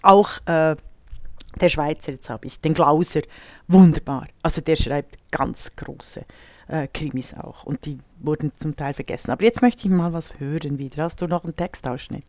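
A man hosting an interview in casual talk, halting, with fillers. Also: on the high side, no room sound. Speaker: host.

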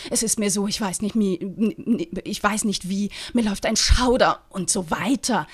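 A woman's voice: a little high, voice pushed up. A woman putting on a vain, pompous male actor. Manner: boastful, theatrical, pushing his own ideas.

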